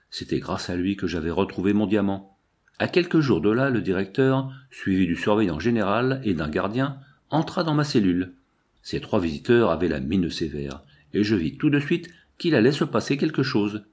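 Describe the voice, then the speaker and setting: Low-voiced male audiobook narrator. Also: big pitch swings, moderate pace, a little mellow, husky. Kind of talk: first-person literary narration.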